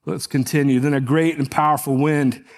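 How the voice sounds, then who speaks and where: A man's voice: on the high side, steady tone, normal speed. Man preaching a casual sermon. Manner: conversational, asks the congregation questions; reads scripture aloud between comments. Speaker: pastor.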